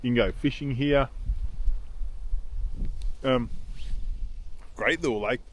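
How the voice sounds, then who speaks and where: An Australian travel vlogger with a mid-range voice chats to camera slowly, rambling with fillers and restarts. He's outdoors at tourist spots at first and later indoors.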